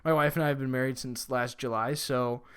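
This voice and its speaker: Rambling young male podcast host, smooth voice. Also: medium pitch, fairly even intonation, brisk, a bit bright. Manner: rambling, heavy on "like" fillers, friendly questions. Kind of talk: casual interview chat.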